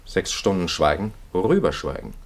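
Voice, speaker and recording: Radio-drama part: a captive priest, fairly low voice, weary and impatient, sober and dry in delivery. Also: male voice, sing-song, moderate pace, heavily acted. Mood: guarded. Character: weary, impatient, plain-spoken male priest held captive. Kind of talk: German radio play acting.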